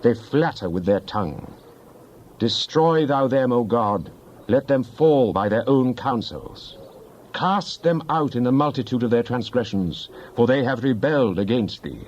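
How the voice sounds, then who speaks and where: Playing a fervent psalmist in a dramatized scripture reading, a man pleads with God in solemn, impassioned, declamatory tones and archaic language, with a stern mood. His medium-pitched voice is expressive, unhurried, and slightly mellow, and the recording is muffled.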